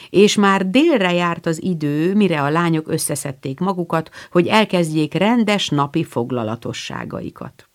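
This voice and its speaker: A woman narrating a classic novel as an audiobook, measured and expressive. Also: on the low side.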